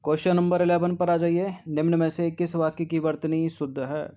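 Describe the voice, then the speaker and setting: A male tutor working through exam spelling questions, slowly repeating each word and checking answers with frequent "ठीक है". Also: on the high side, level tone, warm tone. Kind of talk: test-series answer walkthrough.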